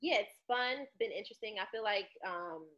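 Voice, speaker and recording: A soft-spoken woman chatting casually as a guest on a talk show, on a dull remote call. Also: mid-range voice, animated, fairly quick. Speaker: returning guest, author. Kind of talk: casual chat.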